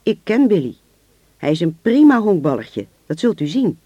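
A man voicing a calm, menacing middle-aged father who speaks politely and then in quiet threats. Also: sits high, normal speed, no room sound, lo-fi sound, voice pushed up. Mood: pleading.

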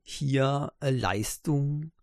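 Male podcast host, mid pitch, gravelly, hesitant delivery full of fillers. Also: extremely slow, a little mellow, no echo, studio quality. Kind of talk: casual tech news podcast.

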